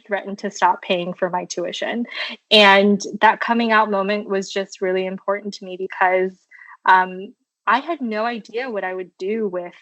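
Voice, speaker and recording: A woman's voice: mid-range voice, dry recording. Reflective woman guest, dull dry sound. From Washington, D.C. area. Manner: reflective, with frequent ums and soft laughs. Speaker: podcast guest. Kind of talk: casual conversational storytelling. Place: her childhood bedroom at home.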